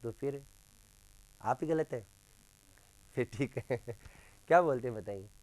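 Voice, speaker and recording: A male teacher leading a grammar lesson in a classroom. He keeps quizzing his students and slowly repeats sounds for them. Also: mid-range voice, darkish tone.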